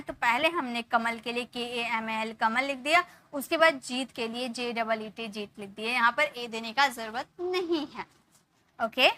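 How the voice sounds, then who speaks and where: Woman teacher, high voice, bright tone, patient, repeats and checks understanding. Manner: patient, repeats points with frequent check-ins. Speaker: English teacher. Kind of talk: explanatory online lesson.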